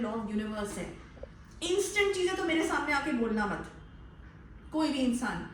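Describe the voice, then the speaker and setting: A woman's voice: sits high, a little hiss or hum. An Indian woman spiritual healer giving an emphatic, lecturing talk, scolding her listeners as she speaks. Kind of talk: direct-to-camera spiritual talk. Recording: very echoey room, voice from far off.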